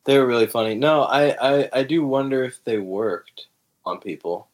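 A man's voice: mid-range voice, expressive, moderate pace. A man co-hosting a podcast, chatting casually about a film and often chuckling along. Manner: casual, chuckling, short agreeing replies. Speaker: podcast co-host. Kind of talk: casual film review chat.

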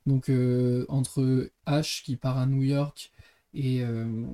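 A man's voice: medium pitch, level tone, drawn-out words, warm tone, smooth, dry recording. A young man hosting a casual book podcast, chatting and reading passages aloud, self-deprecating and often tripping over words and correcting himself.

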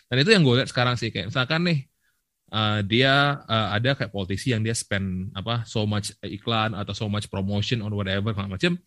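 A man's voice: lowish voice, brisk, dry recording. Young male co-host, laid-back and rambling, close dry mic. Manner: relaxed, rambling, mixes English phrases into slangy talk. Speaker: podcast co-host. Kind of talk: casual chat.

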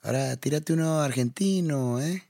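A man's voice: a little high, moderate pace, gravelly, dark tone, no room sound, studio quality. A man with a northern Mexican accent, chatting casually and playfully. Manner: laid-back, playful, mimics accents. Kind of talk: casual chat.

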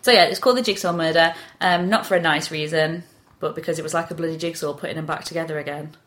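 British woman on a podcast, slightly low voice, chatty storytelling. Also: fairly even intonation, fast, a bit bright. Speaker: podcast host. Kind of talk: casual chat and storytelling.

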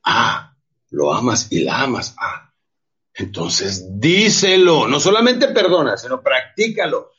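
A man's voice: medium pitch, huge pitch swings, measured pace, sharp tone, slightly rough, faint music behind. A middle-aged man with a Mexican accent giving an emphatic motivational talk, urging listeners to forgive. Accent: Mexican Spanish. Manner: emphatic, preachy, calls listeners "campeones". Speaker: motivational speaker. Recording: dull lo-fi audio.

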